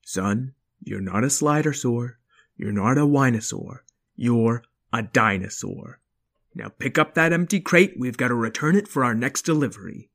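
A man voicing a gruff but kindly, hardworking dinosaur father in a children's story, speaking in a folksy, firm and encouraging way. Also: medium pitch, expressive, normal speed, fairly bright tone.

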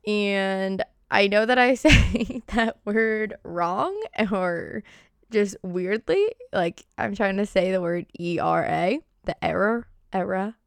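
A woman's voice: medium pitch, slow, vocal fry, smooth, dry recording, clean studio sound. A young woman with a Boston accent hosting a podcast, talking casually in an informal, chatty, peppy manner. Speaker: podcast host. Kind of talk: casual solo podcast talk.

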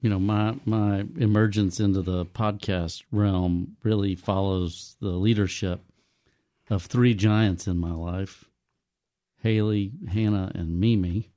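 A middle-aged man co-hosting a casual podcast, speaking in an easygoing, unhurried way. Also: on the low side, fairly even intonation, mellow.

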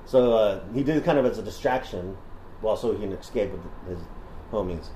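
A man's voice: fairly low pitch, fairly quick, dark tone, slight background noise. Slangy man telling history, echoey. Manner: slangy, filler-heavy storytelling. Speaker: podcast co-host. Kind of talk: casual history podcast chat. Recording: roomy room echo.

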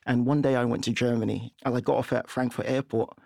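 Fast-talking guy, raspy and gravelly, tells stories and laughs a lot. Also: mid-range voice, no echo, studio quality. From London, England. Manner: lively, laughs often while telling stories. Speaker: guest, property investor. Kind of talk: casual storytelling in a podcast interview.

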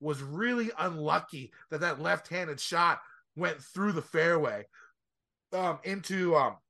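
A man's voice: a little high, expressive, takes it slowly, sharp tone. A man co-hosting a golf podcast, giving a casual, stop-start, rambling recap of tournament play. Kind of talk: casual sports recap commentary.

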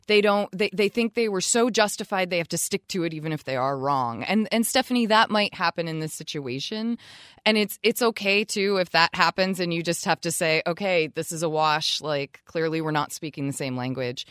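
A woman's voice: medium pitch, a bit bright, dry recording, studio quality. A woman co-hosting an advice podcast, chatting casually with jokes and frequent laughs. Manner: chatty, laughs often, self-mocking jokes. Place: Vermont.

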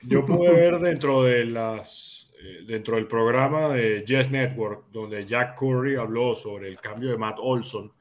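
A man with a mid-pitched voice gives casual sports commentary on a panel. He explains his reasoning step by step. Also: slow, few pauses.

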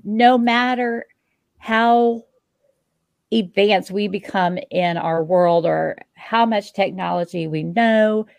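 A woman's voice: mid-range voice, slow, vocal fry, no room sound. A woman in her fifties hosting a casual interview, chatty and frank, laughing often. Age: 50s. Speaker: podcast host.

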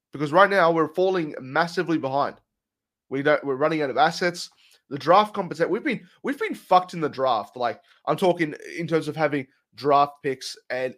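A man's voice: on the high side, fairly bright tone. Man, podcast co-host, blunt and profane, casual sports chat. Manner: blunt, swears, jokey ad reads.

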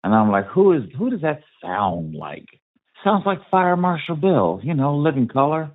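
A man's voice: a little high, sing-song, normal speed. A man caller leaving a casual, rambling voicemail over the phone. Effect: phone line. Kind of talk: voicemail message to a podcast. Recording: tinny phone line.

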